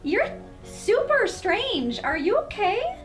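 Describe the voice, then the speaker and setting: A woman plays a chatty young princess, perky and a little puzzled, in a kids' parody. Her voice is very high and animated. Music plays behind her. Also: takes it slowly, exaggerated voice. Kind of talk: campy children's parody sketch acting.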